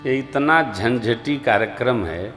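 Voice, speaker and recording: Slow, emphatic preacher man. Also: mid-range voice, soft background music. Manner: slow, emphatic, swings between soft asides and loud rising exclamations; chants verses of scripture in a drawn-out singsong. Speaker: Ram Katha preacher. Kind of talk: devotional sermon.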